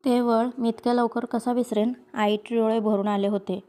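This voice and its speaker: A woman reading a story aloud in a steady, even storybook manner. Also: a little high, moderate pace. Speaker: reader.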